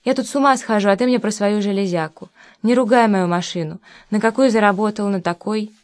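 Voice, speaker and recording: A woman's voice: medium pitch, a little fast, natural voice. A woman reading the lines of a blunt, tough grown man who gives curt, firm orders, in an audiobook. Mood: irritated. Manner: curt and commanding. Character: blunt, tough adult man, protective friend.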